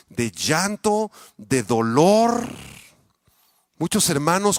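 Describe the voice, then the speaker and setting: Emphatic Mexican pastor preaching. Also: male voice, no echo. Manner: emphatic preaching that swings between loud peaks and quiet, low asides; addresses the congregation directly with frequent rhetorical questions. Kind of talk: sermon.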